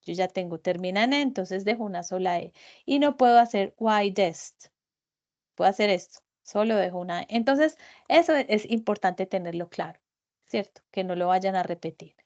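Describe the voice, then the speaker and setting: A woman's voice: mid-range voice, normal speed, a little mellow. A woman teaches English grammar in an online class. She explains each point patiently and in small steps, and keeps checking that the students understand. The audio is dull and lo-fi, typical of a web conference. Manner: patient, step-by-step explaining, often checking with "¿cierto?".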